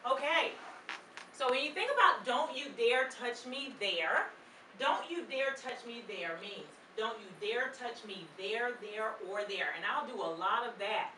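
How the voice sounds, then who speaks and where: Animated and unhurried, a middle-aged children's author reads aloud to young children in a public library, her pitch fairly high. She asks them questions and coaxes them to repeat words. A distant camera records the echoey room, where children and general ambience can be heard.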